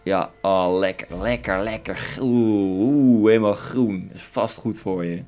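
A man's voice: on the low side, a little slow, a little mellow. Joking young Dutch man narrating gameplay. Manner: joking, crude, rambling, with swearing. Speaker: gamer commentating a playthrough. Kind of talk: casual let's play commentary. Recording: faint game music behind.

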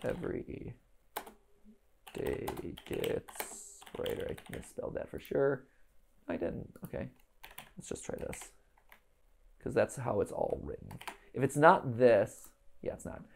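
A male livestream host in his thirties thinks aloud through a puzzle in an indoor room, trailing off into muttered fragments and stressing the passages he reads. His creaky, mid-pitched voice has a darkish tone and big pitch swings, and he speaks slowly with many pauses. A little hiss or hum sits in the audio.

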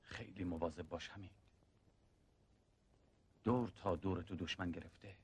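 An actor playing a seasoned male soldier who calmly mentors a younger comrade and recounts the war. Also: deep voice, breathy edge. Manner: calm, measured storytelling. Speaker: older soldier in war film.

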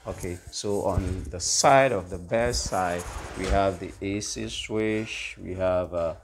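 A low-voiced Ghanaian electrician gives a casual walk-through of an unfinished house with bare walls, pausing haltingly as he itemises things. It's captured on a handheld phone or camera, and the bare indoor room makes the recording noisy.

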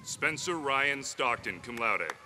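A man reads graduates' names at an outdoor commencement, one after another in a steady, formal cadence. His voice is very bright and forward through the podium microphone. A faint hiss of outdoor noise sits behind him. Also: medium pitch, slow. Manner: steady, clear formal announcing. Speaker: commencement name reader. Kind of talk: reading graduates' names at a ceremony. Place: outdoor graduation ceremony under trees.

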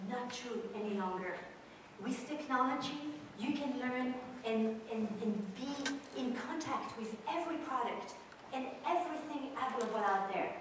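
A woman lectures from a stage in a big auditorium, her slightly high voice caught by a camera far back in the seats. The hall rings with a long, roomy echo, and a faint hum of the crowd sits underneath. She talks directly and with animation. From Switzerland. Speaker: guest speaker on business culture. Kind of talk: public lecture. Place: large auditorium with audience. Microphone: far camera in the audience. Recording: echoey hall recorded from far off.

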